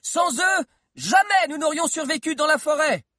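A man voicing an exhausted soot-covered boy who shouts news of peace in a very high, strained child voice. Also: expressive, moderate pace, no room sound, studio quality, heavily acted. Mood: triumphant.

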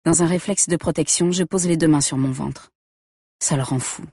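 A woman narrating a first-person story in a quiet, intimate way. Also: deep voice, slightly rough, no room sound, studio quality.

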